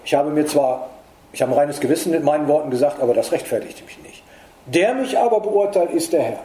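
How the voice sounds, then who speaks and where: Middle-aged male preacher, earnest and emphatic, fairly high mellow voice, reverberant room. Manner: earnest, emphatic, rises in pitch for stress. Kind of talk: sermon. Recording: echoey room.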